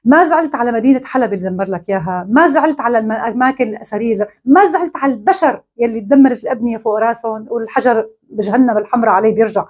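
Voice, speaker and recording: Brief: Syrian woman vlogger, quick and sarcastic, voice sits a little high. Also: darkish tone. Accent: Syrian Arabic. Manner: mocking, scolding, ironic. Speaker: online commentator. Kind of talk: sarcastic monologue to camera.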